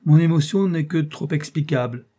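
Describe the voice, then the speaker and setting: A man reading an audiobook, voicing a proud, quick-tempered aristocratic count who speaks in a curt, commanding way. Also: a little high, warm tone, slightly rough, pitched above the performer's own voice. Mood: defensive.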